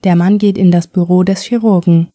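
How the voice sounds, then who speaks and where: A woman reads vocabulary and a short story slowly and clearly, one word at a time. Her voice is mellow and warm, and the recording is dry and close. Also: lowish voice, fairly even intonation, no echo. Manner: slow, clear word-by-word reading. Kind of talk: scripted vocabulary and story reading.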